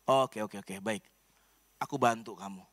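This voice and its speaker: A man doing a calm, sly healer. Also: lowish voice, a little slow, dry recording, voice pushed down. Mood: calm reassuring.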